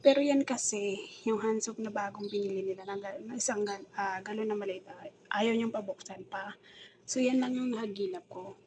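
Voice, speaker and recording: A woman's voice: medium pitch, a little fast, crowd noise, poor audio. A woman with a Filipino accent telling a rambling, aggrieved story in a casual vlog, mixing English words into her talk. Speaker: domestic helper vlogger.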